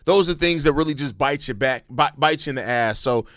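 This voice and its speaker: A man's voice: mid-range voice, a little fast, a bit bright, no room sound. American man, dry close sound, emphatic sports talk. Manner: informal, emphatic, repeats points for stress. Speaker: sports show host. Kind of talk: casual basketball commentary.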